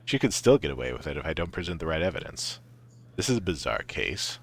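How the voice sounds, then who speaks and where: A man's voice: very deep voice, very animated, fast, vocal fry. A man playing a video game, giving casual commentary and reading bits aloud as he goes. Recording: music behind the voice.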